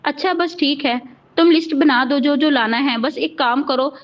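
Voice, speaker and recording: A woman's voice: sits high, moderate pace, lightly acted. A woman reading as a curt, arrogant young husband. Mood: curt scolding. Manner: curt, scolding. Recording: dull lo-fi recording.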